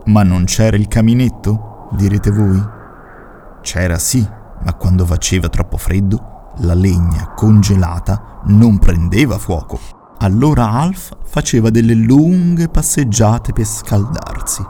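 Slow gentle man telling children's stories. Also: fairly low pitch, slight background noise. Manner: gentle, playful storytelling that talks to the listeners. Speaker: storyteller. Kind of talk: children's storybook narration.

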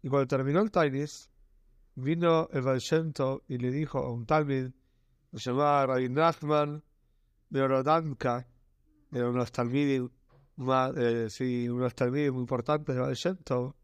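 A man with a Rioplatense Spanish accent telling a religious story earnestly, slowing down and stretching words for emphasis. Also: medium pitch, fairly even intonation, clean tone, dry recording.

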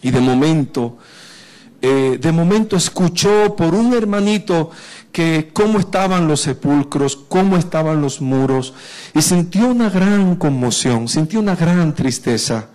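A man with a Dominican accent delivers an informal sermon, his voice sitting fairly high. He rambles and restarts, calling on people in the room by name in a lively, conversational way. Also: unhurried. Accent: Dominican Spanish. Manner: animated, chatty, addresses listeners by name, many restarts. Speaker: preacher.

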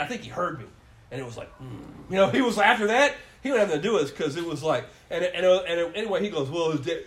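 Man, high voice, swoopy and animated, rambling and cussing, casual chat. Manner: rambling, profane, laughing as he tells it. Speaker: storyteller.

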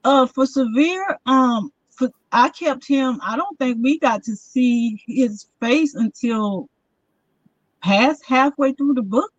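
A woman's voice: sits high, dry recording, muffled recording. Southern lady author talkin about her book, lots of ums, dry close sound. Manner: halting, hesitant with frequent ums. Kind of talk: casual interview, reading an excerpt aloud.

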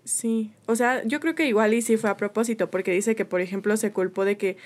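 A woman's voice: mid-range voice, steady tone, a little fast, darkish tone. A woman co-hosting a casual podcast, talking hesitantly and unsure of herself. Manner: hesitant, unsure, many fillers. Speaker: podcast co-host. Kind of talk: casual chat.

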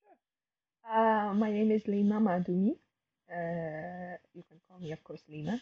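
A woman's voice: lowish voice, steady tone, a little slow, husky, muffled recording. A woman, a guest telling her story hesitantly, with many fillers and restarts. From Afghanistan. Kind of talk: casual interview talk.

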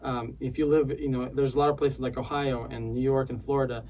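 A man from the former Soviet Union, a podcast guest, speaking earnestly and haltingly with many restarts. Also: medium pitch, level tone, darkish tone, recorded from a distance, low-quality recording. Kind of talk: casual interview chat.

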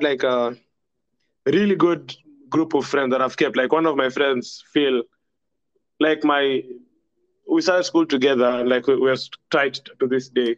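A young Kenyan-accented man, guesting on a podcast, rambles casually through stories from school, laughing often and mixing in Swahili. His voice is on the high side, and the recording is dry with the highs cut off.

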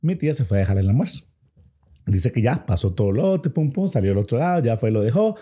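A man's voice: medium pitch, sing-song, fast, mellow, breathy edge. A young Costa Rican man telling a spooky story in a casual, rambling chat full of slang and restarts.

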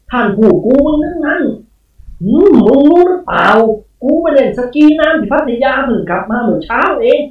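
Arrogant old male spirit, coarse and booming, put on by a woman narrator; high, lively pitch; distant echoey lo-fi audio. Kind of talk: audiobook character voice.

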